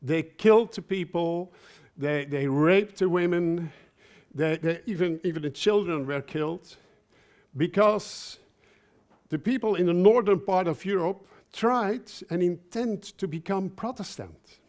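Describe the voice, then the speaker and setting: This slightly mellow, high-sitting male voice belongs to a man raised in Belgium who is giving a conference talk in English. His delivery is slow and halting, with frequent repeated words and the occasional joke tossed in.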